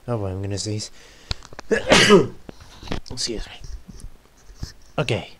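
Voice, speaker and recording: A man's voice: on the low side, steady tone, slow pace, noisy background. A man giving laid-back let's-play commentary, muttering item names and making dry asides. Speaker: gameplay commentator.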